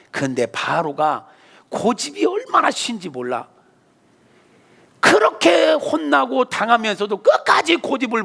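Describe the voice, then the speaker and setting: A man's voice: high-pitched, gravelly, fairly bright tone. A man pastor preaching a sermon, telling the story in a colloquial, playful and emphatic way.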